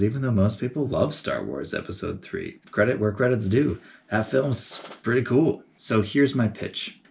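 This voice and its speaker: Low-voiced man in geeky commentary. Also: gravelly. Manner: animated, chatty, geeky enthusiasm. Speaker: video essayist. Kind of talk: casual commentary to camera.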